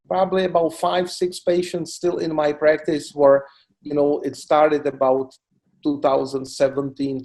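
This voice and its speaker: A middle-aged man from the Republic, a cancer doctor answering interview questions in a halting way, full of "you know" fillers. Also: fairly high pitch, mellow. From Czech Republic. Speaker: oncologist guest. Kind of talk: expert interview.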